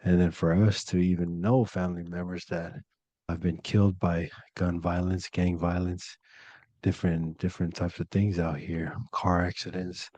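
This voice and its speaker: A young Polynesian man co-hosts a podcast in a casual, slangy and earnest way. His voice is low and mellow. It sounds close and dry, with no room echo. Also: level tone, moderate pace. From Polynesian, living in California. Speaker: podcast co-host.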